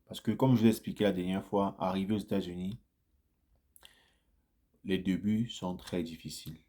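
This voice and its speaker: A man with a lowish voice, a vlogger, tells viewers about his immigrant experience at a normal speed in casual first-person storytelling. He's chatty, repeats phrases, and grows animated during anecdotes.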